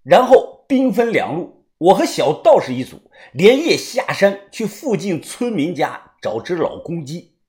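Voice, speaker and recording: A man narrating a serialized story in lively, dramatic storytelling. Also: sits high, unhurried. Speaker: audiobook narrator.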